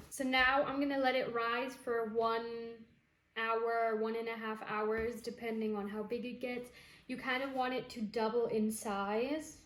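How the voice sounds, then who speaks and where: A woman's voice: on the high side, reverberant, a little hiss or hum. A young woman chatting casually as she walks through a home baking recipe step by step. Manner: chatty, relaxed, explaining as she goes. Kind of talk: casual step-by-step cooking chat. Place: home kitchen.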